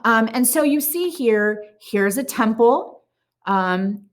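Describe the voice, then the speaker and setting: A woman's voice: a little high, lively intonation, slow. A woman teacher giving a recorded art history lecture in a casual way, with many ums and restarts. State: has the hiccups.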